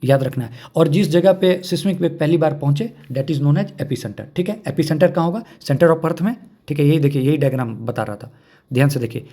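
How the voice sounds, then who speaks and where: Mellow-voiced male exam-prep teacher. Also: fairly high pitch. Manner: repeats key points, checks understanding with questions.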